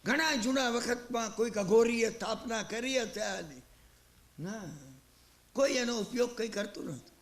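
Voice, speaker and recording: Male preacher, animated storyteller, high pitch, roomy sound. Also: normal speed. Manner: animated storyteller acting out characters. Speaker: Jain preacher. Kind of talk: sermon with storytelling.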